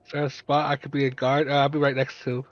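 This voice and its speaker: A man's voice: mid-range voice, monotone, fast, no echo, lo-fi sound. A man playing a tabletop game, chatting casually and thinking aloud. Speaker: player.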